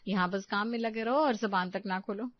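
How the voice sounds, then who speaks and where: A woman's voice: mid-range voice, fairly quick, lightly acted. A woman voicing a put-upon young daughter-in-law who grumbles in an exasperated way. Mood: grumbling. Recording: slightly dull, dry close recording.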